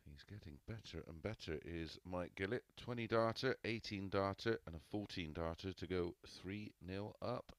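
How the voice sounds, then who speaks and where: A man's voice: deep voice, normal speed, hardly any pauses, dry recording. A man giving live darts commentary, describing play and players' statistics.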